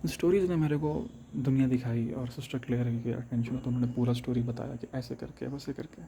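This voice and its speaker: A young man telling a reflective personal story, halting and restarting often, switching between Hindi and English. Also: mid-range voice, fairly even intonation, gravelly, dark tone, a little hiss or hum.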